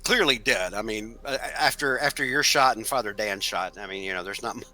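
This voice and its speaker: A man's voice: fairly low pitch, brisk, a loud crowd, poor audio. A young man running a tabletop horror game as game master, narrating loosely with many fillers.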